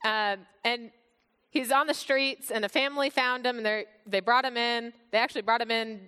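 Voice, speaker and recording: A woman's voice: on the high side, steady tone, moderate pace, sharp tone, clean tone. Upbeat young woman in a big hall. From Bulgaria. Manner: upbeat, chatty, many fillers. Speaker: youth speaker. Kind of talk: testimony to a youth group. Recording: long hall reverb.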